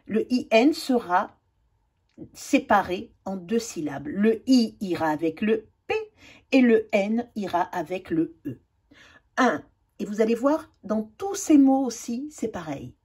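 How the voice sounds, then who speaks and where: A woman's voice: mid-range voice, expressive, slow, long pauses, darkish tone, husky. A woman teaching a children's spelling lesson, spelling out letters and drawing words out carefully.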